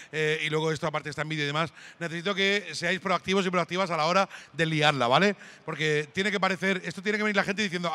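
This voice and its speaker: Man, middle-aged, stand-up comedian, high bright voice, brash, teasing, shouting at the crowd. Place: hall at a gaming event with live audience.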